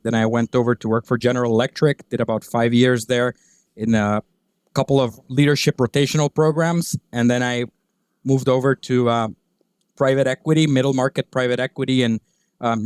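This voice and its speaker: A man in his thirties from Guatemala, a podcast guest talking through his career in a relaxed, halting way with lots of fillers. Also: medium pitch, smooth, no room sound, clean studio sound. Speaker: podcast guest, business owner. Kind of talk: conversational interview.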